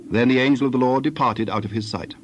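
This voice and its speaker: A man narrating scripture from a script in a measured, formal manner. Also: medium pitch, dull audio, slight background noise.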